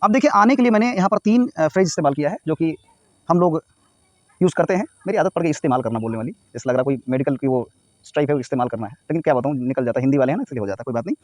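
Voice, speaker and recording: Speaking very fast at a fairly high pitch, a North Indian man runs a spoken English lesson on everyday phrases, explaining each one and spelling words letter by letter. No room sound is audible.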